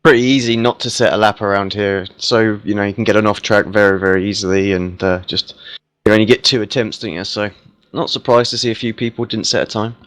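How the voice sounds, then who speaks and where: A man's voice: lowish voice, fairly even intonation, fairly quick, a bit bright, dry recording. A hungover man giving casual live commentary on a sim race as a commentator. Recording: clearly noisy, vehicle sounds behind.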